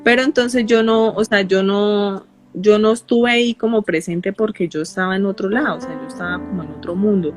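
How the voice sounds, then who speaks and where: A woman with a Colombian accent giving an emotional personal testimony in an interview, halting and repeating phrases as she goes. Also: mid-range voice, steady tone, soft background music. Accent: Colombian Spanish.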